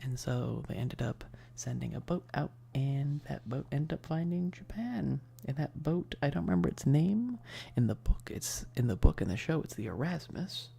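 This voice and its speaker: Speaking at medium pitch and normal speed, this ASMR streamer sounds animated while staying soft-spoken and breathy, frequently slipping into whispers. The chat is casual, meandering, and hesitant, with a self-deprecating streak.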